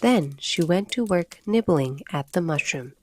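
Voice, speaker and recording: A woman narrating a classic storybook chapter in a calm, measured bedtime style. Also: lowish voice.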